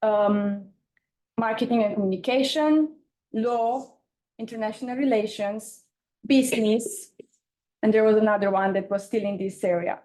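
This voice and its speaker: Young woman w/ eastern european accent, talking informally at a conference, pauses a lot, voice a bit high. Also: a little mellow. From Romania. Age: young adult. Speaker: campaigner, panel speaker.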